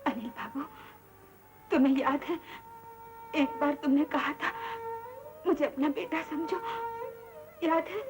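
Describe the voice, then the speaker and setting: Humble grieving maid-mother, high and tearful, 1960s film soundtrack. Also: unhurried, pauses often. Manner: pleading, tearful. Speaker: maid thrown out, hidden mother. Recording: old film soundtrack with music.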